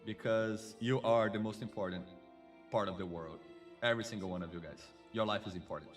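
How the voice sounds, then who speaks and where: A man's voice: on the low side, fairly quick, recorded from a distance, soft background music. A man hosting a casual live stream, chatty and effusive, greeting viewers and a co-host.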